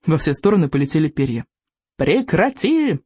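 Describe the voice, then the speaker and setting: A narrator reads a children's book aloud with expressive storytelling. The delivery rises and falls widely. The recording is dry and close, with no room sound. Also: mid-range voice, a little fast, slightly rough, no room sound. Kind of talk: audiobook reading.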